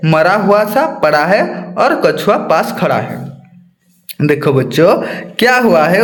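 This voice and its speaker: A male teacher reading a children's story aloud, repeating each line and explaining it to the children. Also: high voice. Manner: reads lines then repeats and explains them to children. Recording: echoey room.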